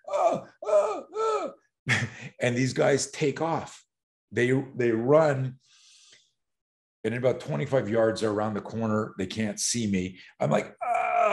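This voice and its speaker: A middle-aged man telling a story as a podcast guest, acting out voices and sounds and laughing often. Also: medium pitch. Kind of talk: animated storytelling in a podcast interview.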